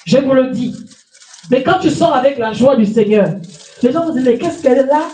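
A middle-aged woman pastor from France, suffering from a cold, preaches an emphatic sermon from the lectern of a small church hall with a stage, handheld mic in hand, repeating phrases and calling for amens. Her high voice is mellow at a moderate pace, recorded by a far camera in an echoey room.

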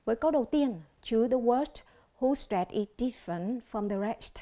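Vietnamese woman, TV English teacher, warm mellow voice, slow clear drilling of each word. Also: a little high, animated. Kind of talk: televised classroom lesson.

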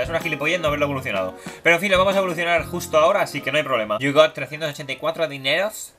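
A young man gives casual, playful commentary while playing a video game. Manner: playful, voices game characters in silly high tones. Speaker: gaming YouTuber. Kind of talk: casual Let's Play commentary. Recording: game music behind voice.

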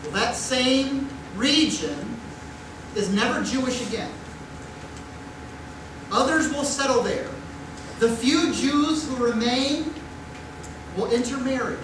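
A middle-aged pastor with a very high voice preaches a conversational sermon at a pulpit, taking it slowly with long pauses and tossing in rhetorical questions and mock voices. A distant room mic picks him up, so the church sanctuary sounds echoey, far off and noisy.

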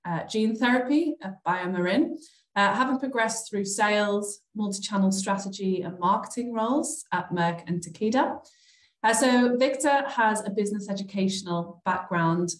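A young woman hosting an interview over a video call, reading an introduction and asking questions in a friendly way. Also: mid-range voice. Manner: friendly, reads introductions with fillers. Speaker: host. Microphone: laptop webcam on a video call. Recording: echoey room on a video call.

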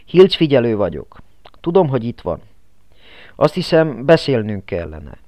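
A man voicing an old male watcher who speaks in a measured, quiet way. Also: mid-range voice, big pitch swings, dry recording, close to an everyday voice. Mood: calm. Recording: dull lo-fi, dry.

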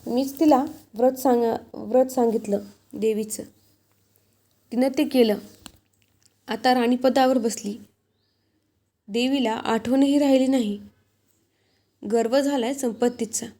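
A woman reading out a poor old woman full of bitter reproach in a devotional storybook tale. Her voice sits a little high but sounds dark and mellow, and her words come slowly and heavily. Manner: reproachful, cursing.

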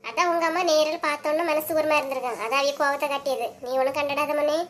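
A woman's voice: sits high, fairly even intonation, very fast, a bit bright. A woman voicing several chatty, scolding village women in a cartoon, speaking with a Kanyakumari Tamil accent. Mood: stern. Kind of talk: cartoon voice acting.

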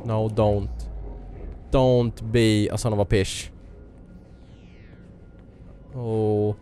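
A man's voice: fairly low pitch, flat delivery, warm tone, soft background music. Swedish-speaking man, jokey gaming commentary. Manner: jokey, chatty, tosses in mock-English quips. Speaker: gaming video host. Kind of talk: casual let's play commentary.

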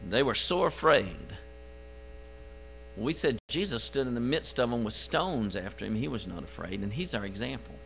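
A man preaching a sermon in church, moving from quiet low asides to loud, drawn-out exclamations. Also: expressive, vocal fry, poor audio. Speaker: pastor. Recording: live stream with faint mains hum.

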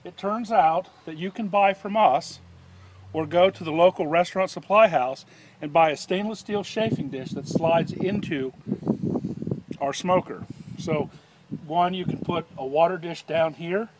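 A man in his fifties gives a chatty product demonstration outdoors, slipping jokes into his sales patter. His voice sits somewhat high for a man. Clicks and passing vehicles come through clearly in the background. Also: a little slow. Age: 50s. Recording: audible outdoor background noise.

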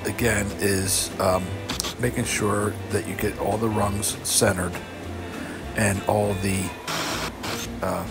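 An older man narrating his own woodworking project in a casual, halting way with many fillers. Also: on the low side, flat delivery, creaky, loud music behind the voice. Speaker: homesteader vlogger. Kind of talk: casual DIY voice-over narration.

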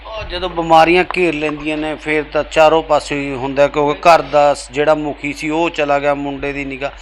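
A male news reporter asks questions in a formal, steady way, with a voice a little higher than most men's. He introduces each family member before talking to them. Faint ambience sits in the background. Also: fairly quick, slight background noise, rough recording. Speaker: reporter, interviewer. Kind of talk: news interview.

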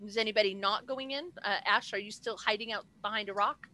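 A woman's voice: medium pitch, fairly quick, bright, forceful tone. A woman game master narrating a tabletop game over a headset on a video call.

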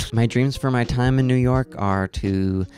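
A man in his twenties talking casually to camera in a vlog at his parents' home, self-deprecating and calling his own voice monotone. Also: mid-range voice, unhurried. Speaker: vlogger.

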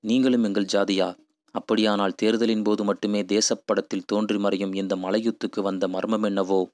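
A man's voice: fairly low pitch, little pitch movement, normal speed, a little mellow, dry recording, close to an everyday voice. A man voicing weary hill villagers who speak plainly and ask questions. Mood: wondering.

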